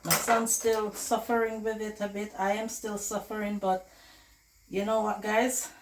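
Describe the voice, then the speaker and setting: Speaking in a flat, mid-range voice that's hoarse from the flu and a little slow, a cooking vlogger chats with her viewers as guys while she cooks at home. Her echoey kitchen makes for a very noisy recording, with loud clattering pots, dishes and running water.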